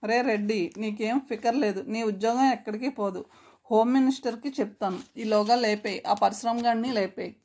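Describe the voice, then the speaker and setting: Woman reads a ruthless older male gang boss, storybook villain, barking orders, fairly high voice. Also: normal speed, a little mellow. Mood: menacing. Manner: barking orders, English words mixed in. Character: menacing middle-aged male crime boss, ruthless and cruel.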